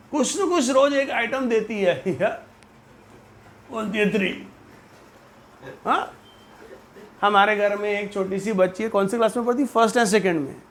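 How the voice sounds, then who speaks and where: A man teaching a maths class, teasing and joking with his students. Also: very high voice. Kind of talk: classroom lecture.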